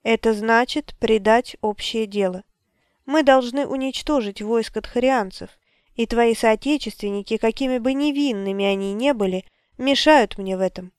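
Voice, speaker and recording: A cold, unyielding male wizard lays down his refusals in firm, measured tones, as a woman reader puts him on. The voice stays smooth and clear. The sound is dry and close. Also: a little high, a little mellow, dry recording, natural voice.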